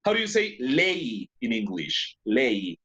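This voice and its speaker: A man's voice: mid-range voice, wildly swooping pitch, takes it slowly, fairly bright tone, dull audio. A man teaching an English class in two languages, who repeats words and keeps praising his students. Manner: switches between two languages to explain.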